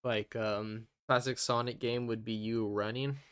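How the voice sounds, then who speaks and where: A man hosting a casual gaming podcast, talking in a rambling, halting way with his speech muffled by gauze in his mouth. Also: fairly low pitch, level tone, a bit bright, smooth, no echo, clean studio sound. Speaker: podcast host.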